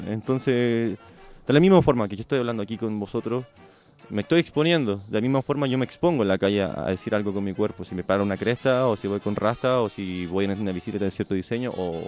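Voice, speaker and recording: Low-voiced man telling travel stories. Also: soft background music. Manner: reflective, halting restarts, bursts into shouted reenactments. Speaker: touring cyclist guest. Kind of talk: radio interview, casual storytelling.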